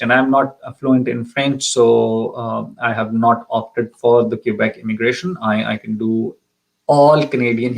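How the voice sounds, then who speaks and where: Hosting a live question-and-answer session, a Pakistani immigration consultant speaks in a medium-pitched voice with vocal fry. He hesitates constantly, full of ums and false starts, and the audio is poor.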